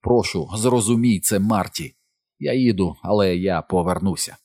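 A man's voice: low voice, moderate pace, darkish tone, no room sound. Casting: a man playing a wheezy, nervous husband insisting he must go, dry close sound. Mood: strained. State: wheezing from asthma. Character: anxious asthmatic husband leaving home.

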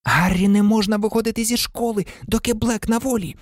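An audiobook reader voicing an earnest know-it-all teenage girl who talks quickly and insistently. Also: mid-range voice, steady tone, no echo, clean studio sound, voice pushed up, lightly acted. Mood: scolding. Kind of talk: audiobook character reading.

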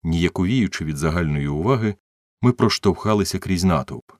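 A man narrating a novel as an audiobook reader, in an expressive storytelling manner. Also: low-pitched, normal speed, no echo, clean studio sound.

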